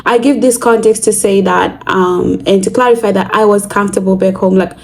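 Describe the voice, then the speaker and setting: A woman's voice: mid-range voice, fairly even intonation, brisk, a little mellow, poor audio. A young adult woman from Zimbabwe, talking earnestly and reflectively to camera in a casual vlog. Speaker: vlogger.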